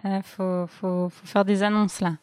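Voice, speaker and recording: A woman's voice: mid-range voice, level tone, a little slow, darkish tone, clear, resonant tone, no room sound, studio quality. A woman co-hosting a comedy podcast, playful and hesitant, improvising silly answers. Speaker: co-host. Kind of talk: casual comedic chat.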